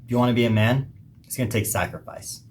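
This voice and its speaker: A man hosting a podcast, giving an emphatic, preachy monologue with pauses between phrases. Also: mid-range voice, a little hiss or hum. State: hiccuping. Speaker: podcast host. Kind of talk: opinionated monologue.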